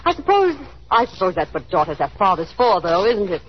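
With big pitch swings in a medium voice, a little fast and lightly acted, an actress voices an anxious, chatty small-town girl who puts on airs in a 1930s radio play. The character gushes affectedly and laughs nervously. It comes through a dull, hissy recording of the era.

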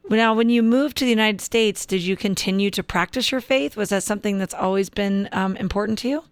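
A woman co-hosting a faith podcast, reading a guest introduction in a measured, earnest way. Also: medium pitch, clear, resonant tone, no echo. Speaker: podcast co-host. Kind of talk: scripted introduction and interviewing.

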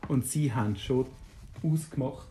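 Low-voiced Swiss German woman telling a story. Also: measured pace, a little hiss or hum. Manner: relaxed, rambling storytelling with restarts. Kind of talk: improvised bedtime story. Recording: roomy, echoey.

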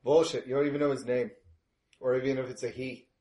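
A man's voice: medium pitch, steady tone, quick pace, dark tone, roomy sound, close to an everyday voice. A man voicing a suspicious, curt male underworld contact in a tabletop game, blunt and clipped.

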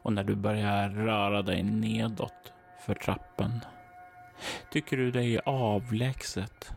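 A man narrating as game master, describing scenes to the player in a calm second-person voice. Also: on the low side, creaky. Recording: faint music behind.

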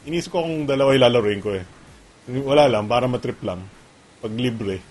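A man's voice: medium pitch, fairly quick, a little mellow. A man hosting a casual tech chat who laughs often and switches between Tagalog and English. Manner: laughs often, mixes English into Tagalog, reads viewer comments. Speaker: podcast host.

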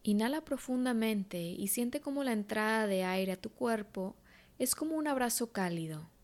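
A woman leading a guided meditation, counting breaths slowly and gently with unhurried pauses. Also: fairly high pitch, expressive. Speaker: meditation instructor.

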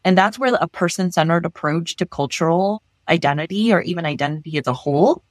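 A woman therapist from Los Angeles, talking in an animated way in an interview and often restarting her sentences. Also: fairly low pitch, fairly quick, dry recording. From Los Angeles, United States. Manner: animated, thinks aloud with frequent restarts. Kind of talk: conversational interview.

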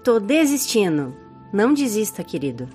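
A woman's voice: medium pitch, very animated, normal speed, darkish tone, soft background music. A woman with a Brazilian Portuguese accent co-hosting a podcast, playfully reading out listener comments. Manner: playful, laughs often. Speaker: podcast co-host.

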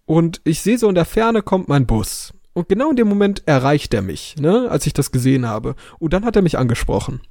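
A man co-hosting a podcast, telling a story in a casual way and acting out the dialogue with lively voices. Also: on the high side, a little fast, gravelly, hardly any pauses, no room sound, studio quality. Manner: animated storyteller who acts out dialogue. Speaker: podcast co-host.

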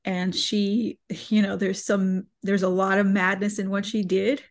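A woman in her forties from Bosnia, telling her story to a podcast host in a measured, halting way. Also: mid-range voice, little pitch movement. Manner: measured, halting, with many fillers. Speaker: podcast guest. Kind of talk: personal interview storytelling.

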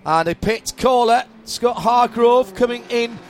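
A woman's voice: fairly high pitch, unhurried, a little hiss or hum. A woman giving live motorsport commentary as lead commentator, with a running call that swells with the action.

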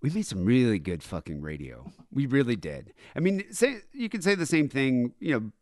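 Nasal, lively-voiced man hosting a podcast. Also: medium pitch, normal speed, no room sound, studio quality. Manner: profane, rambling, animated. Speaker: podcast host. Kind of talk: casual podcast chat.

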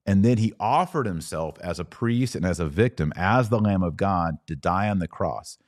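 An American podcast host talks to his listeners in an emphatic, didactic way, repeating phrases for emphasis as the live chat drifts into preaching. His voice is low-pitched and a little mellow. The studio sound is clean with no echo.

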